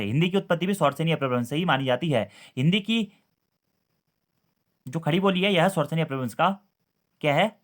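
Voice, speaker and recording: Fast, high-voiced male exam tutor. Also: fairly bright tone. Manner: repeats key answers as questions, addresses listeners as friends. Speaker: teacher. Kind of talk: exam-prep lecture.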